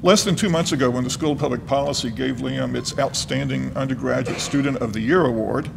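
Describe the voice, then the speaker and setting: Man, solemn eulogy reading, heavily gravelly voice, measured delivery, noisy reverberant hall. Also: mid-range voice. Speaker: professor giving a eulogy. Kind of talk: eulogy speech, partly read aloud.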